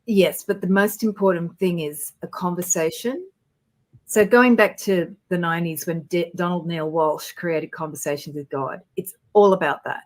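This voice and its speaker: A woman with a lowish voice speaks as a guest in a casual spiritual chat. She tells her stories earnestly and with animation. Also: moderate pace. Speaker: guest intuitive.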